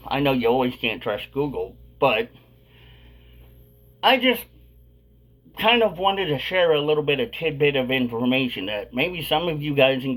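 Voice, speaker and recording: A man's voice: mid-range voice, fairly bright tone. A man hosting a casual vlog, talking with a dip of chewing tobacco tucked in his lip. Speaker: video host.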